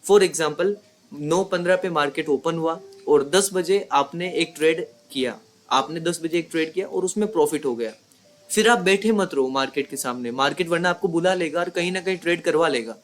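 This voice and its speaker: A man with a slightly high voice gives a conversational lesson as a trading mentor. He drives his points home through repetition and quick rhetorical checks. Faint noise hums under the recording. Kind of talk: explanatory lesson.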